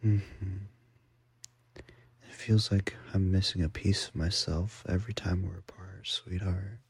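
A man speaking in a soft, affectionate ASMR roleplay, murmuring in a breathy half-whisper as he lulls someone to sleep. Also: low-pitched, level tone, slow. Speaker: boyfriend roleplay ASMR performer.

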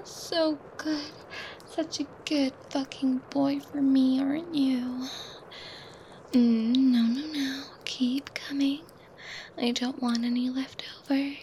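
A woman whispers close and soft in an intimate ASMR roleplay. Her voice sits high but mellow and warm, and she draws every phrase out very slowly, breathy and unhurried. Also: slight background noise, rough recording. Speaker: audio roleplay performer.

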